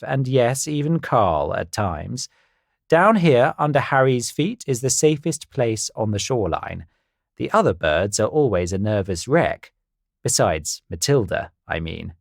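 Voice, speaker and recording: A man narrating a storybook in the first person, wry and dry in manner. His pitch moves in a lively way. The recording is close and dry. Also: no room sound.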